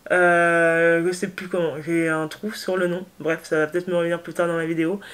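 A woman's voice: lowish voice, a little fast, background noise. Slangy woman with an eastern French accent. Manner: slangy, excitable, rambling with many fillers. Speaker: music YouTuber. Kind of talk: casual chat, music review. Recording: music playing clearly behind the voice. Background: music.

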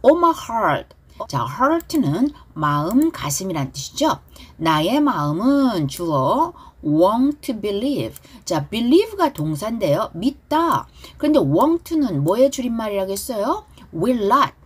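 A middle-aged woman teaching pop song lyrics and English pronunciation, stretching out each lyric line slowly between quicker explanations. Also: mid-range voice, very animated, slightly rough. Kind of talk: pronunciation lesson with lyric drills.

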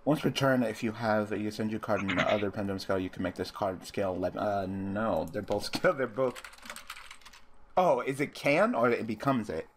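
A man's voice: lowish voice, a little fast, slight background noise. A young man hosting a casual card game commentary, swearing constantly and ranting about losing. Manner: swears constantly, ranting and furious over a loss. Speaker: host.

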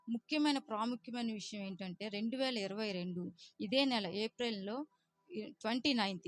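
A young woman, telling her personal testimony in an earnest, emotional way and mixing in English words. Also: mid-range voice. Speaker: church member giving testimony.

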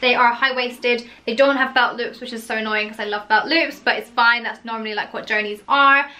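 A young woman, a fashion vlogger, gushes casually through a clothing haul, linking her thoughts with lots of "like," as if chatting at home. Her voice is bright, a touch higher than average, steady, and fairly quick.

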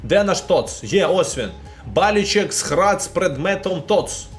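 A young Ukrainian man comments live as he opens game packs, chatting animatedly with his chat. His voice is high and a little slow, with soft background music behind it.

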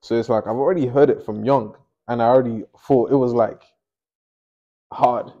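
Muffled recording captures a mid-range male voice at normal speed with fairly even intonation. The speaker, a young painter and host from Nigeria, chats casually while painting in his small home studio, frequently muttering to himself.

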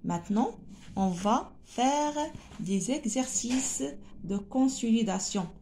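A woman teacher with a North African lilt to her French, leading a phonics lesson for small children. Her voice sits fairly high, and she drags every word out very slowly, sounding out each letter and syllable with care. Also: animated, mellow, slight background noise. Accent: French spoken with a North African lilt. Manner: slow, drawn-out, careful sounding out of letters.

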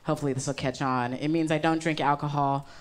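Deep-voiced and steady in tone, a young woman rattles through a fast stand-up routine on stage with a handheld mic. Her chatty punchlines come with frequent ums, and the live crowd's laughter is loud.

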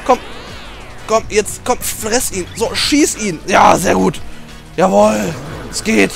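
A man doing let's play commentary, emotional and excitable, cheering, swearing and shouting at the game as he plays. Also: high-pitched, slow pace, creaky, soft background music.

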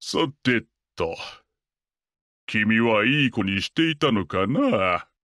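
An actor playing a jolly, gentle old Santa Claus who chuckles and talks in a grandfatherly way to a child. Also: lowish voice, animated, dry recording. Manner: slow, chuckling grandfatherly speech.

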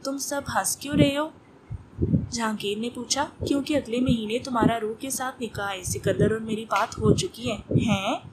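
Woman reading a romance novel aloud. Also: a little high. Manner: reads all parts in her own voice. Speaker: novel narrator. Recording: noisy recording with clicks.

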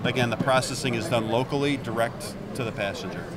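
A man in his fifties, an executive, rattles off an upbeat product explanation at a fast clip in a medium-pitched voice, over a noisy crowd. He points at hardware on the busy indoor expo floor while an interviewer holds a handheld mic to him.

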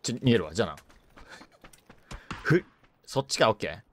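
A woman live-streaming a shooter game in casual chat, rough and tough-talking, joking, reacting loudly to the game and greeting viewers. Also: a bass voice, sing-song, a little fast, slight background noise.

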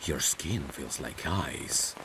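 Against a backdrop of rain ambience, a man with a very deep voice and lively intonation performs a romantic ASMR roleplay, taking his time. He plays a caring, protective male friend who is secretly in love, speaking tenderly and intimately over the noisy background.

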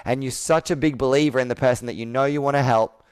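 Speaking fast in a clear, resonant mid-range voice with fairly even intonation, this thirty-something man runs live sales roleplay coaching on a video call. He's persuasive and emphatic, circling back to the same phrases, with a whiteboard in the indoor room behind him.

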